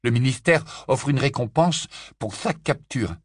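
A man's voice: medium pitch, moderate pace, dry recording, studio quality, pitched above the performer's own voice, natural voice. A man voicing a sheepish, stammering teenage boy wizard who sometimes bellows back. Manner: stammering, apologetic, then bellowing.

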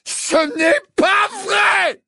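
A man voicing a grieving teenage boy wizard who trembles and shouts in rage, in an audiobook. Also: medium pitch, big pitch swings, moderate pace, creaky, husky, dry recording, clean studio sound, exaggerated voice. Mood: furious. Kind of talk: audiobook character voice.

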